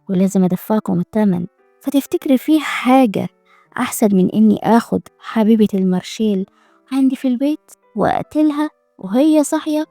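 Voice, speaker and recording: A woman's voice: medium pitch, creaky, mellow, no room sound, natural voice. A woman doing a gloating villainous inspector. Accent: Egyptian Arabic. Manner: menacing, gloating. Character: vengeful scheming inspector man.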